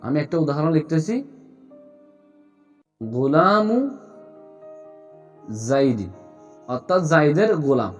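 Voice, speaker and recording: A man teaching Arabic grammar in a video lesson, explaining step by step and asking himself questions as he goes. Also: sits high.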